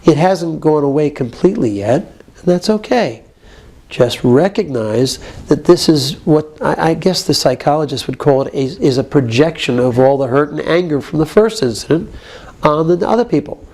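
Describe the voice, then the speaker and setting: A man's voice: on the high side, animated, moderate pace, a little mellow. A man leading a support group, guiding members directively and checking often that they follow. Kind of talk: therapeutic coaching.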